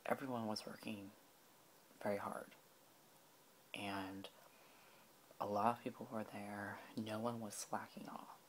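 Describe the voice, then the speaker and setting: A tipsy man telling a rambling story in a soft-spoken ASMR style, often slipping into whispers. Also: fairly low pitch, little pitch movement, unhurried, pauses often, a little hiss or hum. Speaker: ASMR creator.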